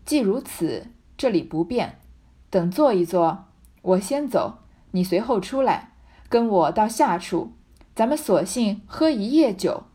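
A woman voicing a proud young man who calmly masks his anger while setting a trap. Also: mid-range voice, measured pace, husky. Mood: coolly scheming.

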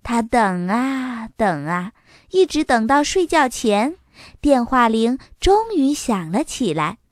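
A woman reading a children's story aloud in an expressive storytelling manner. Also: on the high side, slow, no room sound, clean studio sound.

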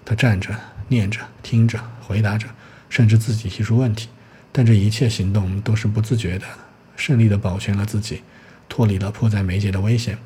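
A man narrating a novel as an audiobook in a steady, even storytelling manner. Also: fairly low pitch, brisk, slight background noise.

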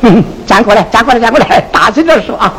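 An actor playing a sharp-tongued comic innkeeper in a Sichuan opera, with a Sichuan accent, scolding in a sing-song way. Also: medium pitch, animated, fast, close to an everyday voice. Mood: mocking. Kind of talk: Sichuan opera stage acting. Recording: noisy 1970s film soundtrack.

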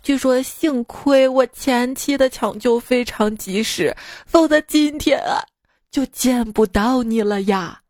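A woman's voice: fairly high pitch, slow pace, darkish tone, no room sound, studio quality, faint music behind. Woman putting on a recovering husband. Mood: earnest. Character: husband recovering after a car crash.

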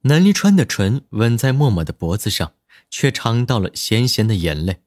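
A man narrating a romance audiobook in an expressive, storytelling manner at a close studio mic. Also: mid-range voice, moderate pace, no echo. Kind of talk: scripted dramatic narration.

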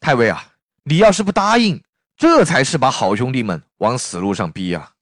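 A man voicing a calm, shrewd adviser who persuades without hurry, as a storyteller. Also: mid-range voice, dry recording, clean studio sound. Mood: persuading. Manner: unhurried, persuasive.

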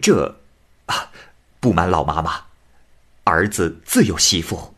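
A man's voice: low-pitched, animated, slow, bright, forceful tone, pitched below the performer's own voice, exaggerated voice. A man voicing a lonely young man who speaks in a choked, emotional way. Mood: tearful.

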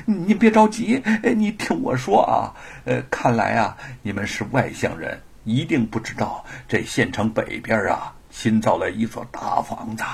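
A man's voice: lowish voice, big pitch swings, normal speed, vocal fry, hardly any pauses, husky, pitched below the performer's own voice, full character voice. A man voicing a poor young male thief who stammers and repeats his words, sheepish and pleading.

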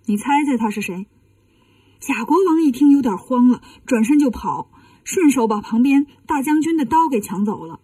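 Gentle woman telling a children's story. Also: high-pitched, animated, normal speed, breathy edge, dry recording, recorded from a distance. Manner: gentle, explaining. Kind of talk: scripted narration for children.

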